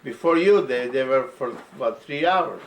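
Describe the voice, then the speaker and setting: An older man from Poland with a Polish accent, recalling his past in a casual interview, halting and repeating words in broken English. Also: mid-range voice, expressive. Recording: roomy, far from mic, noisy.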